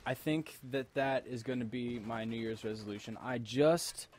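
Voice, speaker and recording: A tipsy gamer commentator rambles and repeats himself while talking casually to his viewers about a game. His mid-range voice is darkish at a moderate pace, with slight background noise.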